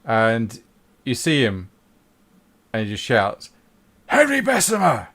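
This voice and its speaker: Lively male game master. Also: on the low side, slow pace. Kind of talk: narrating a tabletop game.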